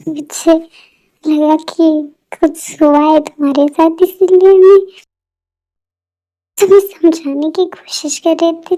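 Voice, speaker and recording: Woman playing a soothing, affectionate mother; high, slow, mellow. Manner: coaxing, affectionate. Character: caring middle-aged mother, soothing.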